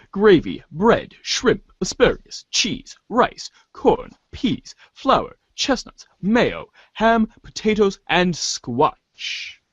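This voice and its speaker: A man with a high, slightly breathy voice reads a webcomic's narration aloud in an amateur, theatrical way, occasionally stumbling over the words. The recording is dry and its high frequencies are cut off.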